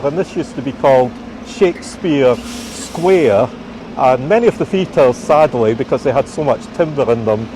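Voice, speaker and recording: A Scottish man leads a live walking tour out on a city street. His explanations are informal and come haltingly, at a middling pitch. Faint traffic noise sits behind his voice. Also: a little mellow, rough recording. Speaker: tour guide. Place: outdoors on a rainy city street.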